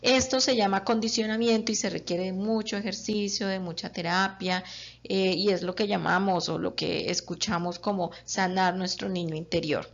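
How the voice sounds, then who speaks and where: A woman calmly explaining parenting, pausing often with filler sounds. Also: mid-range voice, vocal fry, lo-fi sound. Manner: calm, explanatory, with frequent "eh" fillers. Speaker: parenting educator. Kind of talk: informative talk on parenting.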